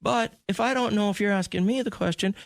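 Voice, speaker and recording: A man co-hosting a radio show, telling stories in casual banter and jumping into higher voices when quoting. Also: a little fast, creaky, no echo. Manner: animated storyteller, jumps high when quoting. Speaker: radio co-host.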